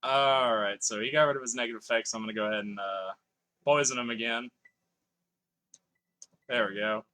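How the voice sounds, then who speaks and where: A man's voice: medium pitch, steady tone, normal speed, long pauses, pushed and bright. A man streaming a video game live, chatting casually with his viewers and reading their messages aloud as he plays. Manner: chatty, reads chat messages aloud, swears now and then. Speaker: gaming livestreamer. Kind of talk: casual live-stream chat while playing.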